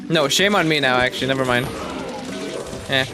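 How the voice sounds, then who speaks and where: A man gives casual commentary as a gaming video host. His mid-range voice rambles in a joking, self-mocking way, with game music clearly audible behind it. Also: mid-range voice, fairly quick.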